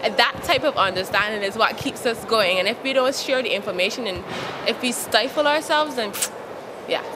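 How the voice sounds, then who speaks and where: Young woman, Barbadian accent, frank and lively, interview answers, outdoor street noise. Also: medium pitch. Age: young adult. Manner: frank and lively, laughs often. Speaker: interviewee, youth advocate. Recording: outdoor recording with traffic noise.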